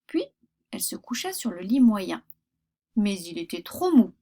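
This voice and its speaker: A woman reading a children's fairy tale aloud, expressive with pauses. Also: medium pitch. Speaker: storyteller.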